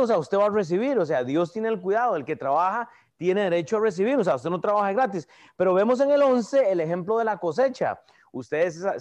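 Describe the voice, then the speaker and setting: A man with a noticeably high voice leads a Bible study. He talks in a loose, conversational way, repeating words and often checking in with his listeners. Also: a little mellow. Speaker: Bible teacher. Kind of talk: informal Bible teaching.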